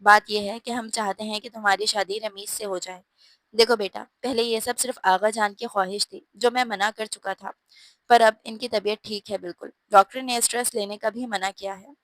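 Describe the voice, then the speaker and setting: A woman voicing a kind older father figure in a storybook who speaks softly and calmly. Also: medium pitch, moderate pace, no echo, lightly acted.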